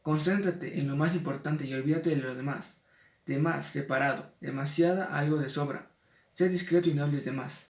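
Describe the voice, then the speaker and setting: A man's voice: a little high, normal speed, far from the mic. Man reading a spelling lesson, echoey. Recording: echoey room, voice off-mic.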